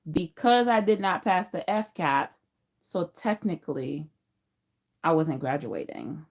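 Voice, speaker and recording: Speaking unhurriedly in a fairly low, expressive voice, this livestream host from Haiti shares personal stories in an informal, emphatic style, often repeating phrases. She is in her late 20s to early 30s and picked up English as a teenager, not as her first language.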